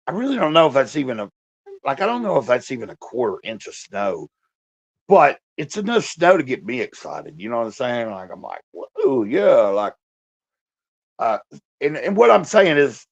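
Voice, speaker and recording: A man's voice: wildly swooping pitch, fairly quick, vocal fry, husky. A man chatting casually on a livestream from his bed at home, rambling loosely. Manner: rambling, talks to his dog in a high coaxing voice. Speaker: livestream host. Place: indoors, lying in bed at home. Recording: dull lo-fi livestream audio.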